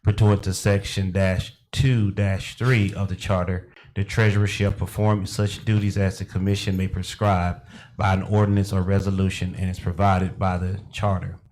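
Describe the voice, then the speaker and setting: A man's voice: low-pitched, flat delivery, normal speed, a little mellow, a little hiss or hum. A man presenting a formal agenda item as city manager, reading legal wording. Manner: formal, reads legal text.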